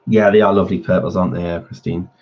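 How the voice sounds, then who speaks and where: This man's voice sits low with little pitch movement, and he talks rapid-fire; the recording has its highs cut off. While colouring on his channel's live stream, he chats casually and answers viewer comments, sounding slightly nasal as he recovers from a cold.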